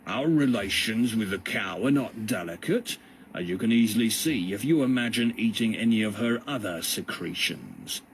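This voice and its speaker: A man voicing a condescending male jailer who lectures his prisoners slowly and with a sneer in a storybook reading. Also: on the low side, animated, slight background noise.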